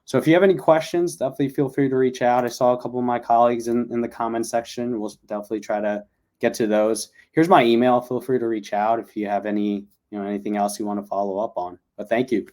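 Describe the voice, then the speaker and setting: A man's voice: medium pitch, fairly even intonation, fast talker, mellow. A man giving an informal recruiting presentation as a recruiter.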